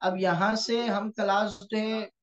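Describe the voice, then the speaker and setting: Over a video call on a computer mic, a man teaches Quranic Arabic grammar online, explaining patiently and checking in with his students often. His voice sits high, with a level tone and a slow pace. The online class audio is dull and lo-fi.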